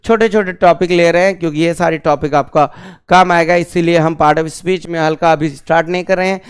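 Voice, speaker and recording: A man's voice: a little high, fairly even intonation, clean tone. A male grammar teacher giving a classroom lesson, asking the class questions and repeating key terms. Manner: drills slowly on key terms.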